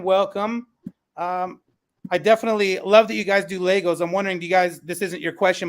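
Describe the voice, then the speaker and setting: A man with a high, smooth voice hosts and moderates a panel discussion in a conversational style. He is the panel's host and also an elementary school teacher.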